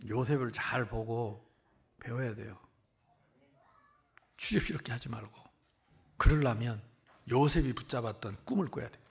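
A man in his sixties from the Jeolla region of South Korea, preaching a sermon as pastor with animated storytelling that swings from loud to hushed. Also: mid-range voice, normal speed, vocal fry, pauses often. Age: 60s.

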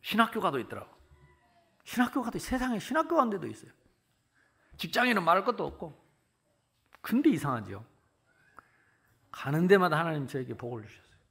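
A man in his sixties from the Jeolla region of South Korea, preaching a sermon as pastor with animated storytelling that swings from loud to hushed. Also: high voice, a little fast, creaky, pauses often. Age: 60s.

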